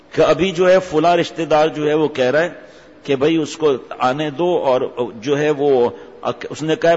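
A man preaching a sermon in an emphatic, rhetorical, scolding manner. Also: fairly high pitch. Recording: dull audio with long hall reverb.

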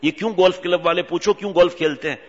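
Rude club guard shooing folks off, preacher doing the voice, high-ish, echoey. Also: male voice, fairly even intonation. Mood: scornful. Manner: scornful shooing. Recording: reverberant hall, dull lo-fi sound.

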